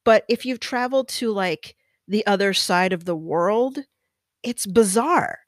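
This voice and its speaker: A young adult woman from California with a chatty, animated manner, stretching words and dipping into whispers. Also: mid-range voice, unhurried, dry recording, studio quality. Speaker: host. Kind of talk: casual monologue.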